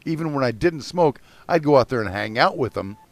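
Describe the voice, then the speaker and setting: A man's voice: medium pitch, expressive, fairly quick, no echo. A man co-hosting a podcast in casual chat, rambling through stories and swearing freely. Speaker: podcast co-host.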